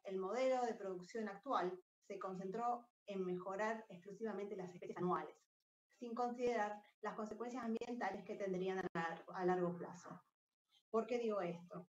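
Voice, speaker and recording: A woman explains her startup's technology in a clear, lightly scripted pitch. She sits away from the mic in an echoey room, and the call audio sounds dull and muffled. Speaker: R&D lead presenting a startup. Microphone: video call. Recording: roomy, distant, dull video-call audio.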